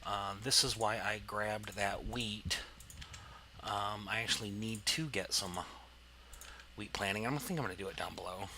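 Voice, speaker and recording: A man's voice: on the low side, normal speed, pushed and bright, a little hiss or hum. A man casually commenting on his gameplay, rambling and explaining as he goes, with plenty of fillers. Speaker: let's play host.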